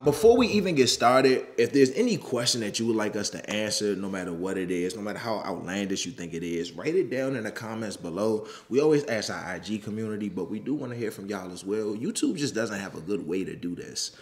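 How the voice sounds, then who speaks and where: A man in his thirties co-hosting a casual couples' chat, speaking with relaxed slang and frequent laughter. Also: fairly low pitch, brisk, hardly any pauses. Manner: laid-back slangy talk, laughs often. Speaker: podcast co-host.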